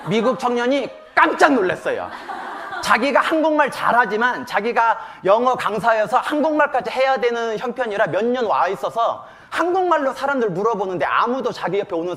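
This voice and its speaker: Man, church class lecturer, humorous storytelling, animated, chuckling, higher-pitched.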